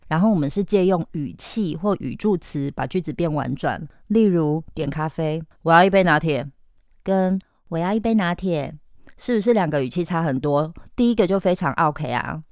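A woman with a Taiwanese Mandarin accent, an English teacher from Taiwan hosting a podcast lesson, coaxing and lively, slowing down to model phrases. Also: deep voice, no echo, clean studio sound.

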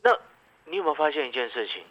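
Animated Taiwanese-accented male market commentator. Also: on the high side, fast talker, lo-fi sound. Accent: Taiwanese Mandarin. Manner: animated, keeps asking the listener rhetorical questions. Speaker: radio stock market commentator.

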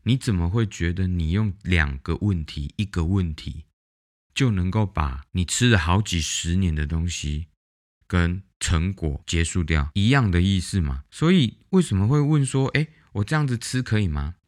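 A man with a Taiwanese Mandarin accent, hosting a casual monologue podcast and telling blunt, animated stories. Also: sits low, normal speed. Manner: blunt, animated storytelling that acts out the callers. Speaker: podcast host.

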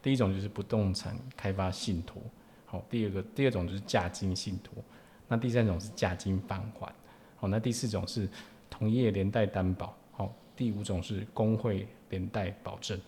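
A man's voice: on the low side, fairly even intonation, moderate pace, dark tone, a little hiss or hum. A man with a Taiwanese Mandarin accent explaining informally as an expert guest, punctuating phrases with particles and tag questions. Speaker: lawyer, podcast guest.

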